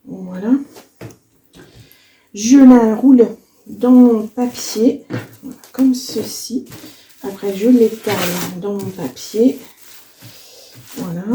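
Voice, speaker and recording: Hoarse woman chatting through a kitchen demo. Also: medium pitch, dark tone, roomy sound, slight background noise. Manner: chatty, many fillers and restarts while working. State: hoarse, voice cracking. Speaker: vlogger. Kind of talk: casual cooking demonstration. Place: home kitchen.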